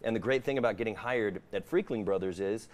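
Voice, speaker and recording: A man's voice: fairly low pitch, fast. A man being interviewed as a guest on a morning show, promoting his event and often restarting his phrases. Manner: hesitant promotional talk, repeating phrase starts. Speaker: guest, haunted house operator.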